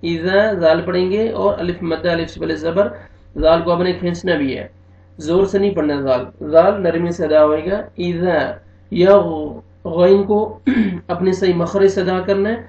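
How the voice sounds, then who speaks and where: A man with an Urdu-speaking accent teaching Quran recitation, slowly drawing out verses and then explaining the rules in plain speech. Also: sits high, a little mellow. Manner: slow drawn-out recitation between plain spoken explanations. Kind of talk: tajweed recitation lesson. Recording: echoey, dull lo-fi sound.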